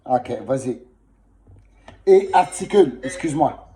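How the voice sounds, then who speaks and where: Slow-talking singing teacher with sore throat. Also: male voice, medium pitch, expressive, mellow. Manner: patient, instructive, demonstrating vowels. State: sore throat, coughing often. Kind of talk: one-on-one voice lesson.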